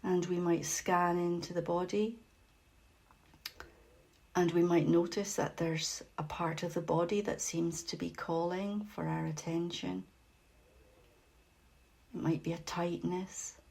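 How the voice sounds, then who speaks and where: Guiding a meditation, this woman speaks softly and unhurriedly, leaving long pauses, her gentle voice going breathy as each phrase ends. Her pitch is fairly low and her intonation fairly even.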